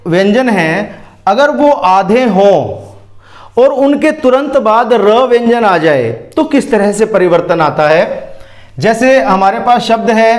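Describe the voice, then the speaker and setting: Slow, patient high-voiced male teacher. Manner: slow, patient explaining with frequent questions to pupils. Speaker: Hindi grammar teacher. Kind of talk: classroom lesson.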